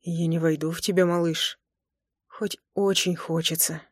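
A woman voicing a teasing, tender young man in an audiobook, speaking low and slow in a murmur. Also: little pitch movement, dry recording, studio quality. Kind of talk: audiobook character voice.

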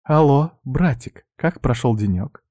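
A man's voice: medium pitch, expressive, measured pace, mellow, dry recording, studio quality, voice pushed up, close to an everyday voice. A man voicing a cheerful young woman, a playful older sister on the phone, in an audiobook reading. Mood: sweet.

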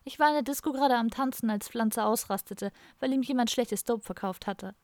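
Lively hippie woman around fifty, teasing, read by a woman; dry studio audiobook. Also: fairly high pitch, brisk, dry recording, close to an everyday voice.

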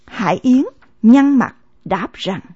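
A woman reading a novel aloud as an audiobook narrator, in measured storytelling narration, in a dull, lo-fi recording. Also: a little high, lively intonation, dark tone, husky, dry recording.

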